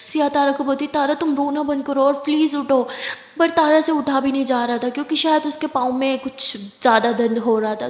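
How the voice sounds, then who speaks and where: A woman's voice: on the high side, a little mellow. A woman narrating a love story in a casual, conversational retelling. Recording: roomy echo, long reverb.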